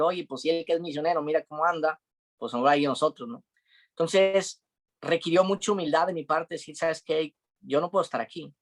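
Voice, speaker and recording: A young man giving an earnest, confiding devotional testimony, with frequent fillers. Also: fairly high pitch. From Mexico. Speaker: preacher.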